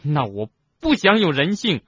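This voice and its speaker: A man voicing an angry, grieving teenage boy who shouts in trembling, forceful bursts, in an audiobook. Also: mid-range voice, huge pitch swings, moderate pace, husky, no echo, highs cut off, exaggerated voice. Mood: furious. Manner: raised, trembling, forceful outbursts.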